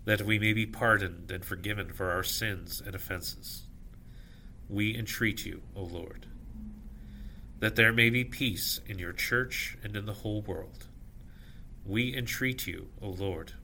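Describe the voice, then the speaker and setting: A man officiating at evening prayer, reciting scripture and liturgy in measured, solemn short phrases. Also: lowish voice, bright, forceful tone, a little hiss or hum.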